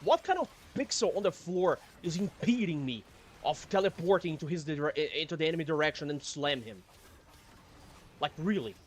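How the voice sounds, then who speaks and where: A somewhat high-pitched man talks through a game stream in a casual way. He grumbles and swears freely, with a dry, sardonic edge. He sounds like he is at home in his apartment. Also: expressive, moderate pace, slight background noise. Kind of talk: casual gameplay commentary.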